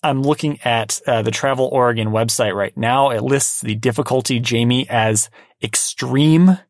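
A man co-hosting a casual podcast, talking in a relaxed, wry way with plenty of restarts. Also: medium pitch, normal speed, dry recording, studio quality. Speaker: podcast co-host. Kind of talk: casual chat.

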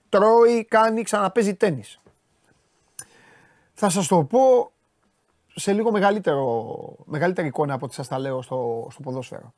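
A man's voice: sits high, a little mellow, dry recording, studio quality. A man with a Greek accent hosting a sports talk show, casually and exasperatedly scolding his viewers with rhetorical questions. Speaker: sports commentator host.

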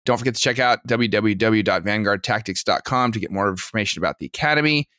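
Low-voiced podcast host. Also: male voice, pushed and bright, no echo, studio quality. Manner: brisk announcements, then questions to his co-host. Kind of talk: casual podcast discussion.

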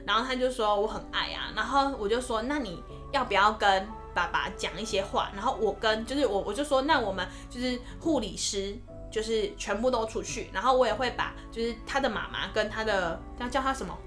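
A young woman nurse tells a story in easygoing podcast talk. Her voice sits fairly high and moves expressively as she talks. Soft music plays faintly underneath. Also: fairly quick. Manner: expressive storyteller, lively swings in pitch. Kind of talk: casual podcast chat, telling a story.

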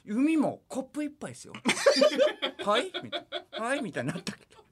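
Quick, defensive man joking on radio. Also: very high voice, huge pitch swings, fairly bright tone. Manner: defensive, joking, laughs while explaining. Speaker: radio comedy host. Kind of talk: late-night radio banter.

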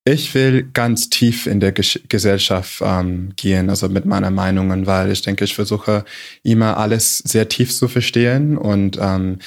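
A man's voice: fairly low pitch, steady tone, moderate pace, vocal fry. A young American man from Michigan speaking German as a second language over a video call. He hesitates, uses lots of fillers and corrects himself mid-word. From USA, Michigan. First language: English. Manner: hesitant non-native German with many fillers and self-corrections. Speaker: podcast guest. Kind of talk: casual interview chat.

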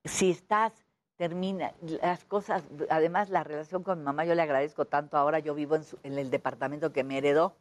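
A Mexican woman, a stage performer and guest, telling personal stories in a relaxed interview and acting out what she said. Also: sits low, a little fast. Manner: animated storytelling, acts out her own quotes. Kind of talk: casual interview talk.

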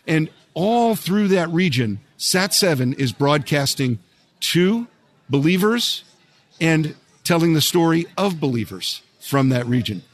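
A male podcast host with a slightly high voice. He speaks with open enthusiasm and keeps affirming his guest as she talks. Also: very animated, a little slow. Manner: enthusiastic, affirming, many "wow" and "yeah" replies. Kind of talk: interview conversation.

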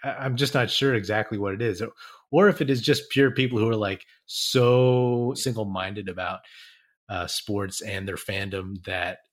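A man hosts a casual sports chat. His voice sits a little low, and his talk wanders along on easy fillers. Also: steady tone, moderate pace. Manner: conversational, leans on fillers like "like" and "man". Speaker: podcast host.

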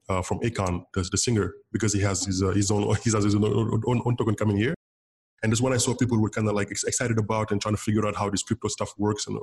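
A Senegalese man who grew up speaking Wolof, a bitcoin developer, is a guest on an interview. His voice is lowish with a darkish tone, and he talks casually, full of fillers and restarts.

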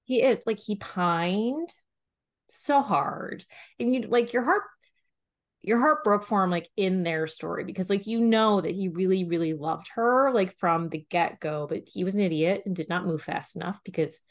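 A woman co-hosting a book review podcast, chatting casually with a steady stream of "like" and quick laughs. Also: medium pitch. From Pennsylvania, US. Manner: chatty, heavy use of "like", animated and laughing. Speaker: podcast co-host reviewing romance books. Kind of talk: casual chat.

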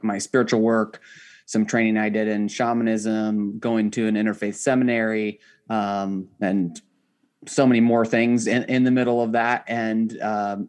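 A man chatting casually as a podcast guest, explaining things in a halting, thinking-aloud way. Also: fairly low pitch. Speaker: podcast guest, author and spiritual coach. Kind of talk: casual interview chat.

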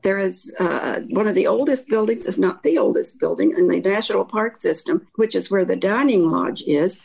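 A woman's voice: mid-range voice, normal speed, gravelly, a little mellow, husky. An older woman with a slight Kentucky accent, telling anecdotes in a reflective, rambling way as an interview guest. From Kentucky, Appalachia. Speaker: interview guest, author and academic.

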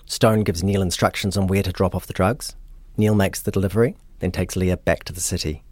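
Deep-voiced New man narrating. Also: steady tone, darkish tone, dry recording. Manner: measured, matter-of-fact storytelling. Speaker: podcast host. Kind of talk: scripted true-crime narration.

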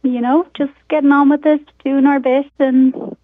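Irish woman, radio show caller, phone-line sound, tinny and thin, dry, fairly high voice, casual chatty manner. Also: level tone, moderate pace, no room sound. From Ireland. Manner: chatty and casual, with frequent fillers like "like". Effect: caller heard over a phone line. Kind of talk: casual chat.

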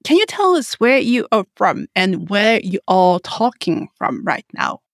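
A woman's voice: medium pitch, very animated, measured pace, creaky, no echo, studio quality. A woman hosting a business podcast, reading a scripted welcome and then asking her guest conversational questions. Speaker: podcast host. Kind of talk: podcast interview.

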